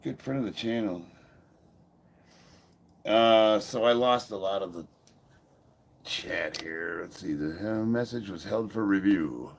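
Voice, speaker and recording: Hosting a casual livestream while he trains, this fifties-aged powerlifter talks slowly in a fairly low voice, pausing often and sounding stuffy-nosed. The room is noisy, with ambient sound in the background.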